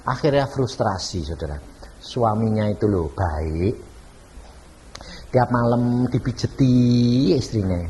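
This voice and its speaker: A male preacher, telling a story in a sermon, swinging between loud and soft and asking his listeners questions. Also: on the low side, a little hiss or hum, rough recording.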